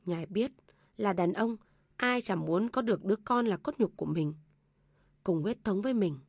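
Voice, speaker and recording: Female storyteller, emotive reading, mid pitch, dead-dry close mic. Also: moderate pace, vocal fry, a little mellow, no room sound. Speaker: narrator. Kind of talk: scripted story narration.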